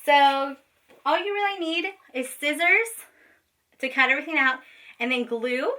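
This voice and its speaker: Giving step-by-step craft instructions to children, a woman special education teacher stays informal and patient, checking in frequently. She speaks a little slowly in a high, animated, bright voice with a forceful tone. It was picked up by a distant microphone.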